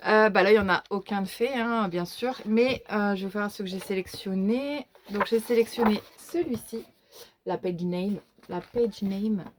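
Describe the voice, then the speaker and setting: A woman with a regional French accent chatting casually in a vlog, showing her coloring book collection, hesitant with many fillers and restarts. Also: on the high side. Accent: regional French, which she says is folkloric. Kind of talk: casual show-and-tell vlog.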